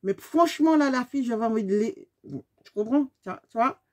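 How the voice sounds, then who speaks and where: Animated woman in her fifties. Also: fairly high pitch, a little fast. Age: 50s. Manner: animated, emphatic storyteller talking straight to her viewers. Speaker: beauty vlogger. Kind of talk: storytime vlog.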